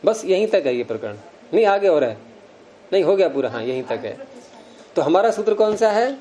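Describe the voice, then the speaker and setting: A patient Sanskrit grammar teacher lectures a room of students, explaining each rule step by step and pausing to quiz the class. His voice is a bit higher than the typical man's, soft and mellow, with big swings in pitch. The lecture moves at an unhurried pace.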